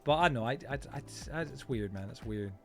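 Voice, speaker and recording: A man hosts a casual gaming livestream with rapid, nonstop chatter. His mid-pitched voice rambles on informally, full of slang as he talks to viewers. Faint music plays along with his speech. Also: animated. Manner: informal, slangy, often addressing viewers as bro, man, dude.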